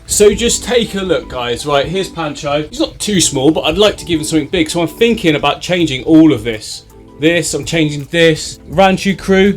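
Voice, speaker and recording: A British man talks to the camera about his aquariums in a relaxed, jokey way, often poking fun at himself. His voice sits a little higher than most men's. Faint music runs quietly underneath. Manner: chatty, jokey, laughs at himself. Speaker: aquarium channel host. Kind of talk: casual vlog chat to camera.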